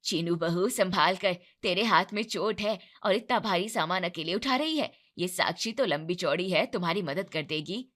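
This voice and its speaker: Older neighbor lady done by a woman narrator, lower, motherly and worried, storybook. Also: normal speed, hardly any pauses, a bit bright. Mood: concerned.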